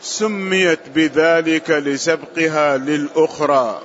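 A man reading passages of a classical text aloud in a lesson, in a steady, formal recitation. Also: fairly high pitch, slow pace. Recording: muffled lo-fi audio with faint hiss.

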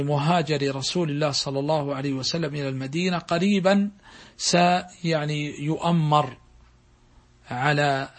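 A man giving a religious lesson in formal standard Arabic, with measured classical diction, as a teacher who recites and explains. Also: fairly high pitch.

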